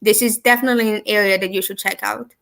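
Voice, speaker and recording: Bright-voiced young woman from Serbia. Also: mid-range voice, steady tone, quick pace, creaky. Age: young adult. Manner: earnest, eager to share. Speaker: university student. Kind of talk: casual interview answers. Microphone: video call.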